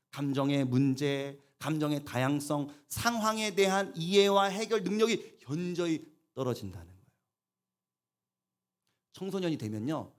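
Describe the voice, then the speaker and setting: A man in his thirties, a pastor preaching a sermon in a church, animated and acting out little voices and sounds to make his points. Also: on the high side.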